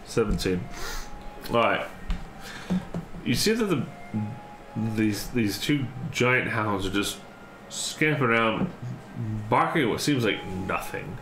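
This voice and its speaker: A man's voice: fairly low pitch, expressive, takes it slowly, long pauses, music in the background. A man running a tabletop game, narrating off the cuff and often repeating phrases as he improvises. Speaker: game master. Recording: echoey room with faint noise.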